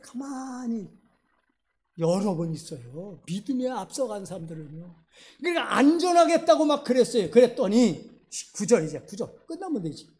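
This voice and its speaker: A male pastor preaching in church with a mellow, darker voice. His style is conversational and animated, and he keeps turning to the congregation with questions. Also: high-pitched, a little fast. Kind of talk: sermon.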